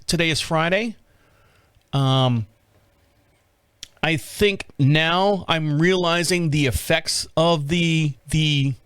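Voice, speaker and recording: A man's voice: a little high, a bit bright, smooth, no echo, studio quality. A man in his fifties hosting his own podcast, rambling through a casual solo monologue, self-mocking and laughing often. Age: 50s. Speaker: podcast host.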